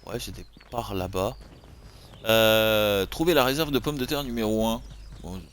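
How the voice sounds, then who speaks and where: A French man commentating his farming game, animated and jokey, swinging between low muttering and excited yelps. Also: unhurried, a little hiss or hum. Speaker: gaming YouTuber. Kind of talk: let's play commentary.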